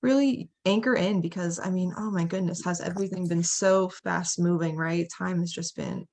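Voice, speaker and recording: A woman hosting a live video stream as an astrologer, talking in a quick, friendly way. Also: lowish voice, fairly even intonation, a little mellow. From United States. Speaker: astrologer host. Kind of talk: casual livestream hosting.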